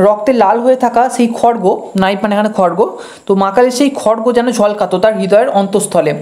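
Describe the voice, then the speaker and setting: Woman teacher with a warm, mellow, fairly high voice. Reads each English line slowly, then explains it quickly. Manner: patient, explanatory. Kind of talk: line-by-line text explanation lesson.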